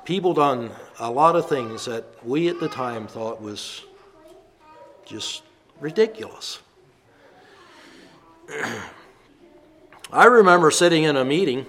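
A man's voice: a little high, animated, slow pace, pauses often, fairly bright tone. A man in his fifties, a minister giving a reflective sermon and reminiscing about the past. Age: 50s.

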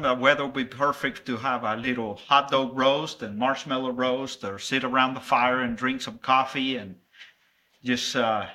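Delivering a children's object lesson within his sermon, this Salvadoran preacher speaks in a bright, mid-range male voice. Spanish is his first language, and he comes across as warm and playful with the kids, animated but prone to halting restarts.

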